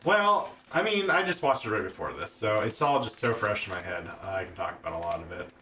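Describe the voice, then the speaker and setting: A man's voice: lowish voice, sing-song, a little fast, bright, forceful tone, far from the mic. An American man in casual chat, rambling and hesitant, often restarting his sentences. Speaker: podcast co-host. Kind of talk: casual chat about card games.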